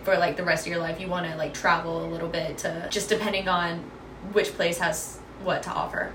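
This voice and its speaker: A woman's voice: on the low side, level tone, a little fast, noisy background. A woman hosting an interview, upbeat and encouraging, often answering with yeah. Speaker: interview host. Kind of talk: hosted interview.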